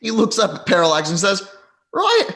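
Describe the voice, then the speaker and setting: A man's voice: high-pitched, wildly swooping pitch, moderate pace, bright, forceful tone, voice pushed up, heavily acted. A man voicing a badly wounded, panicked monk, blurting flustered exclamations.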